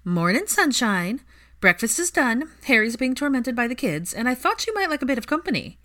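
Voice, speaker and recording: A brash, teasing young woman, as a woman puts her on for a spoken story. She's loud and bossy, pitched well above the reader's own voice. Her lines swoop up and down. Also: sing-song, a little fast. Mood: breezy.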